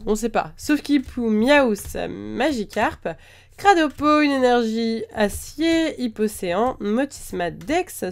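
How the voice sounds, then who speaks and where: A woman hosting a card-opening video chats casually, with a slight cold, as she opens trading card packs and names them one after another. Her pitch is fairly high, and hesitant "euh" fillers come up a lot.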